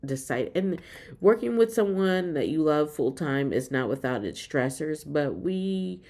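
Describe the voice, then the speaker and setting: A woman in her fifties talks casually to her viewers in a vlog, upbeat and full of ums. Her voice sits very low, with a gravelly, fried edge. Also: animated, unhurried, darkish tone. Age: 50s. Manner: chatty, frequent ums, upbeat. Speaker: reseller vlogger. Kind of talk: casual chat to camera.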